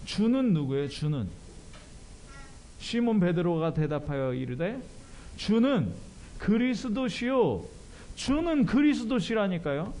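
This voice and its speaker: Male pastor, high and swooping voice, animated church sermon. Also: unhurried. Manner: animated, self-deprecating, asks the congregation questions.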